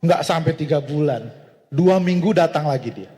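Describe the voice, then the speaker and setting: A man preaching to a congregation, his voice sitting high. He tells the story with animated energy and acts out the dialogue. A long reverb trails each phrase. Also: normal speed. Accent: Indonesian. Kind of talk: sermon storytelling. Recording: hall reverb.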